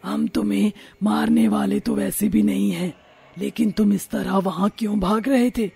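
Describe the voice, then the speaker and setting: A spooky cartoon witch, put on by a man speaks in a heavily gravelly, dark and husky voice. She drawls her questions slowly and eerily. Her rasp sits low and croaking behind every word. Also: steady tone, exaggerated voice. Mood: eerie. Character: spooky female witch, helpful but eerie. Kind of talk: cartoon story voice acting.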